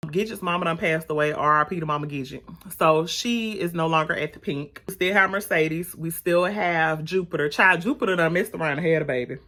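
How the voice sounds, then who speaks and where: A young woman with a fairly low voice talks through a TV episode recap for her channel. She chats casually, full of sassy asides and slang, like she's gossiping with friends. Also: a little fast, few pauses, fairly bright tone. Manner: sassy, chatty, slangy storyteller. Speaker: TV review YouTuber.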